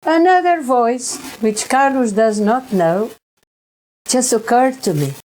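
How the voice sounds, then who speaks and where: Slow, halting woman. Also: medium pitch, warm tone, slight background noise. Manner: halting, repeats and restarts words. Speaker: researcher sharing experiences. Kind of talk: personal recollection monologue.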